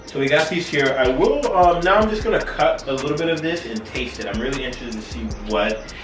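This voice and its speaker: A man talks through a home cooking demo in a tipsy, loose and rambling way. He sits at an ordinary male pitch and chats casually as the host. The room echoes around him, the mic is some way off, and music plays clearly behind. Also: animated, a little fast. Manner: tipsy, loose and rambling, drinking shots as he cooks. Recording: roomy echo, distant mic, music behind.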